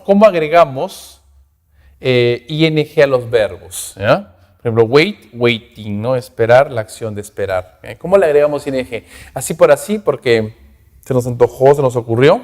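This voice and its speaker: A man gives a grammar lesson in at an ordinary middle pitch. He breaks each rule into small steps and keeps asking his students if they follow. His voice carries a long reverb, as if recorded in a large hall. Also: darkish tone. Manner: explains step by step with frequent "¿ok?" and "¿no?" checks. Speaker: English teacher.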